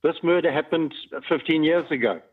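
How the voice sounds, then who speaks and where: A distressed man calls in over a thin, tinny phone line. His voice sits fairly high, and he speaks with emphatic, halting repetition, impassioned and emotional throughout. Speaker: phone-in caller. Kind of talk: impassioned personal testimony. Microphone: phone call.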